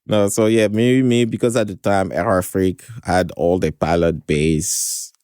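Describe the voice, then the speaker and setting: A man from Senegal as a podcast guest, talking about his childhood in a relaxed, easygoing way. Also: deep voice, a little slow, dry recording, studio quality. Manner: relaxed and easygoing, lots of "you know" and "man". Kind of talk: casual interview chat.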